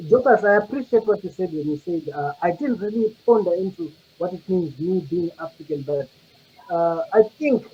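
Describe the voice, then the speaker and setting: A man on a discussion panel, speaking in a reflective, halting way. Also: sits high, expressive, slightly rough, highs cut off.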